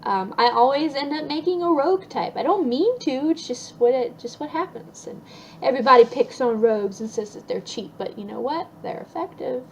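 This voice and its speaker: A woman's voice: sits high, expressive, moderate pace, slight background noise, poor audio. A young woman chatting casually through a list of her favorite things, upbeat with lots of ums and restarts. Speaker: vlogger.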